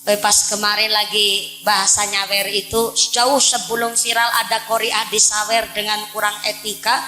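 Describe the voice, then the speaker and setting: A woman's voice: a little high, bright, forceful tone, echoey room, poor audio. A woman preacher from Central Java with a Banyumas Javanese accent, giving a playful, joking sermon to a village crowd and often addressing the men as "Pak". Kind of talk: humorous religious sermon. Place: village religious gathering.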